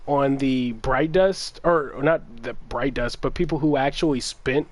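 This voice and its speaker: A man's voice: mid-range voice, a little slow, dry recording. A man hosting a gaming livestream, ranting casually with exasperation, laughing and swearing as he talks.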